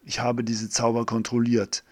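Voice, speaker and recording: A man's voice: mid-range voice, completely flat delivery, moderate pace, darkish tone, dry recording, natural voice. A man reading a wise forest spirit. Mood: calm. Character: wise old elder-tree forest spirit.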